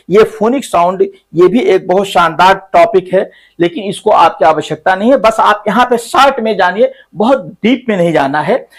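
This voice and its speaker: A male English teacher, slowly going through the alphabet and repeating each letter sound several times. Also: high-pitched. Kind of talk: spoken English lesson.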